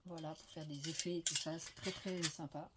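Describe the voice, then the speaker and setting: A woman's voice: sits low, steady tone, moderate pace, very noisy. A French woman vlogging a crafting haul, chatting and gushing with many fillers, her voice slightly veiled from a lingering cough. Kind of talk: casual show-and-tell haul. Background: faint clatter of dishes.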